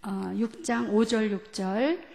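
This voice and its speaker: In a church sanctuary with a long reverb tail, a woman pastor gives a teaching sermon in a fairly high, creaky, slightly mellow voice. She speaks slowly with fairly even intonation, asking the congregation questions and leading them through scripture readings.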